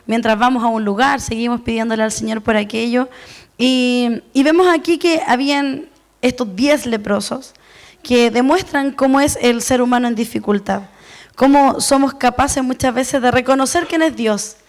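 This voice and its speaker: High-voiced woman preaching. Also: normal speed. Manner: earnest, personal, includes herself with the listeners. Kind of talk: sermon.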